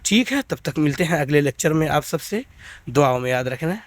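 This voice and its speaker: A man with a Pakistani Urdu accent teaches Quran reading in a fairly high voice, stretching each syllable slowly before moving on to quicker explanations. The sound is dry and close, with no room around it. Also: lively intonation, no echo. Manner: slow drawn-out syllable recitation between quick explanations; patient, repeats checks with listeners. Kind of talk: spelled-out recitation lesson.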